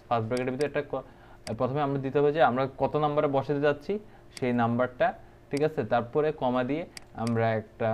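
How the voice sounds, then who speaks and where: A man's voice: medium pitch, darkish tone, clean tone, muffled recording. A man giving a casual programming tutorial, thinking aloud with many fillers and checks. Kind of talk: casual screen-recorded coding tutorial.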